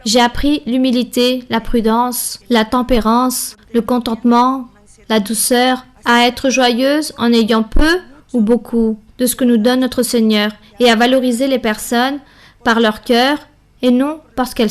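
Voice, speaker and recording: A woman giving a French voice-over of a Bible study and a church member's testimony, speaking in measured, earnest short phrases. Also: a little high, fairly even intonation.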